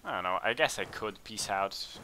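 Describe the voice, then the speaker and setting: A man hosting a let's play, chatting casually and thinking aloud as he plays, with bursts of excitement in tense moments. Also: lowish voice, normal speed, a little hiss or hum. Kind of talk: casual game commentary.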